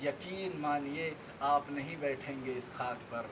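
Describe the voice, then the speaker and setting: Male cleric, high voice, declamatory sermon oratory with repetition building to lament; distant noisy recording. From India. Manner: declamatory, rhythmic repetition, swells into impassioned lament. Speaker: Shia cleric (maulana). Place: gathering where mourners sit on the ground. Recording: distant mic with loud background noise.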